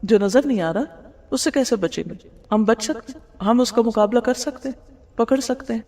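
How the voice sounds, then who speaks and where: A woman's voice: a little high, a little mellow. Woman lecturing in a reverberant hall. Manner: explanatory, asks rhetorical questions; mixes English words into her talk. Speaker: Islamic teacher. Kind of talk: religious lecture explaining hadith.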